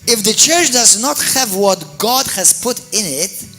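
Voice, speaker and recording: Over faint music, a pastor from Malta preaches unhurriedly in a high-pitched voice. His storytelling is energetic and aimed straight at the congregation, marked by repeated and restarted words.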